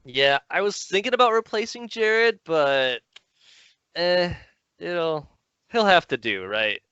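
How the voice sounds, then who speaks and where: A man's voice: sits high, animated, takes it slowly, sharp tone, clean tone, no echo, highs cut off. A man co-hosting a podcast, playful and sarcastic, laughing along in casual chat. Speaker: podcast co-host.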